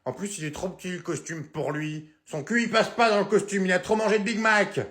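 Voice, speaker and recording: A man's voice: high-pitched, steady tone, a little fast, fairly bright tone, pitched above the performer's own voice. A man voicing a sulky little boy who is the youngest brother and pleads and complains. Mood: whining.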